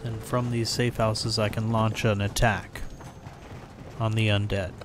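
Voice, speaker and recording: A man's voice: lowish voice, level tone, a little slow, noisy background. A man live-streaming a video game, chatting loosely through his play with casual swearing and filler words. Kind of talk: casual gameplay commentary. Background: game music.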